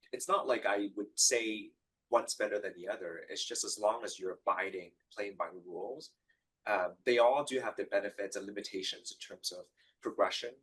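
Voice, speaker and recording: A man's voice: lowish voice, fairly bright tone, slightly rough, rough recording. A man from Hong Kong, a genetic counselor, speaking on a live panel with hesitant, filler-heavy answers. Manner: hesitant, many fillers and restarts.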